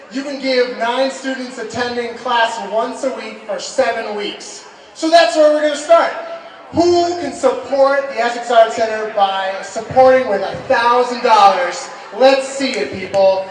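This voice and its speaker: A man's voice: very high-pitched, unhurried. A man hosting an informal live fundraising appeal, playfully ad-libbing as he asks for pledges. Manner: jokey, playful ad-libbing with the crowd. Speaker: fundraising host asking for scholarship pledges. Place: large hall with an audience. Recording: very echoey hall, distant, faint crowd.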